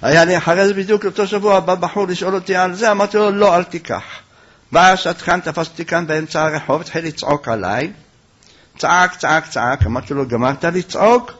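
Male rabbi lecturing, animated storyteller, higher voice, muffled lo-fi sound. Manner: animated storytelling, rising loud for quoted lines. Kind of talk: Torah lecture. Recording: dull lo-fi recording.

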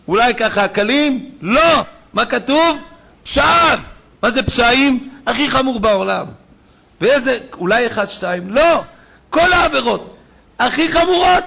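Male preacher, fiery sermon delivery, high and gravelly, big dynamic swings. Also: big pitch swings. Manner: fiery, swings from shouting to hushed storytelling.

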